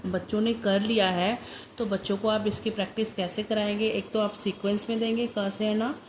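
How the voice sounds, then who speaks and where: A woman primary teacher giving an instructional lesson to parents and children, drilling letters one by one in a slow, deliberate way. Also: mid-range voice, level tone. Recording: noisy background hiss.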